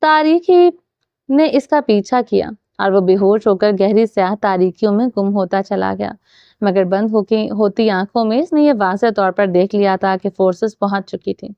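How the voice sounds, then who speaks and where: A woman reading a dramatic romance novel aloud as narrator, with steady storytelling. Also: medium pitch, clear, resonant tone, dry recording, muffled recording. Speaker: audiobook narrator.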